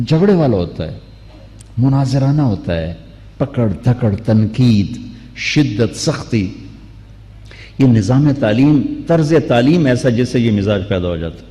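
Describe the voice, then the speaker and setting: A man preaching a sermon, telling a story with acted dialogue that rises into animated outbursts. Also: medium pitch, in a large hall. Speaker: Islamic preacher.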